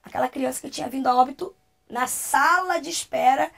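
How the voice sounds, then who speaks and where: A woman's voice: high-pitched, fairly quick, vocal fry, fairly bright tone. A woman with a Brazilian Portuguese accent, a talk show guest, telling a personal testimony with emotion and acting out the voices she quotes.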